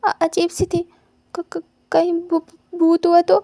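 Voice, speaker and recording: A jumpy young male student with a high, strained voice who stumbles over his words, as a woman puts him on. The sound is close and dry, with a mellow, warm tone. He stays on edge, stammering at every turn. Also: flat delivery, normal speed, no echo. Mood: frightened. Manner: stammering, easily frightened.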